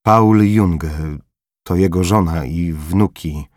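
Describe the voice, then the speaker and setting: A man's voice: deep voice, slow pace, a little mellow, dry recording, clean studio sound. A man voicing a terrified Kashubian man who stammers and speaks timidly. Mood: fearful. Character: frightened Kashubian man, trembling.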